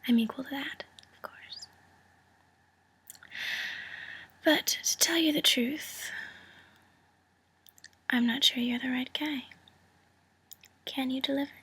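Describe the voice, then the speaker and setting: A woman's voice: sits high, fairly even intonation, measured pace, pauses often, a bit bright, full character voice. Woman playing a whispering mobster woman, friendly threat. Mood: cool, doubting. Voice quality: breathy whisper. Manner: friendly threat, smooth and teasing menace. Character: cool, calculating woman mobster proposing a partnership. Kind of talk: whispered role-play.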